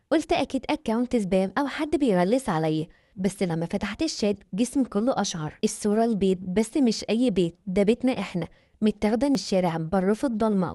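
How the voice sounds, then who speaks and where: A woman with an Egyptian Arabic accent narrating a scripted horror storytime, rushing through it in a breathless, suspense-building way. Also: mid-range voice, dark tone, no echo, clean studio sound.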